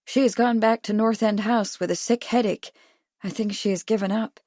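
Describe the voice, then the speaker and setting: A woman's voice: mid-range voice, steady tone, moderate pace, a little mellow, no room sound, clean studio sound, natural voice. A woman narrator voicing an anxious, determined young Victorian woman, speaking earnestly and urgently. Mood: bitter.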